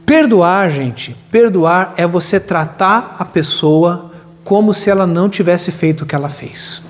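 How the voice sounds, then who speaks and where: A male pastor preaching a lively sermon at a church retreat, with humor and acted-out quotes. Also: high voice, a little slow, faint music behind. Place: large hall at a retreat. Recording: long hall reverb.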